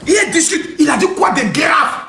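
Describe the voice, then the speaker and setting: A man rants through a live stream in a high, lively voice that leaps between registers. He mocks, shouts and slips into other voices as he goes. The room echoes around him, with faint noise underneath. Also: moderate pace. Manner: animated, shouting, mocking, acts out voices. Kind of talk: mocking live-stream monologue.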